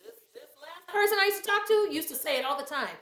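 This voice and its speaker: A woman's voice: very high-pitched, lively intonation, fast, a bit bright, roomy sound. A woman giving blunt life advice in a casual, emphatic and preachy monologue, laughing often.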